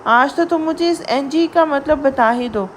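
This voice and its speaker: A woman's voice: high-pitched, a little hiss or hum, close to an everyday voice. A woman voicing a proud, brusque young husband who gives curt commands.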